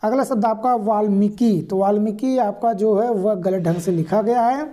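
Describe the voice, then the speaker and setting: A woman teaches correct exam spellings in a warm, mid-range voice at a normal speed. She repeats and explains each word patiently, speaking straight to viewers throughout this exam-prep lesson.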